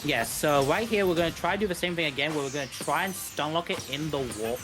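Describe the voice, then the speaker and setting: Game music runs beneath a man's quick, higher-side voice as he talks through a speedrun live. He explains his moves, rambles slightly and rephrases along the way.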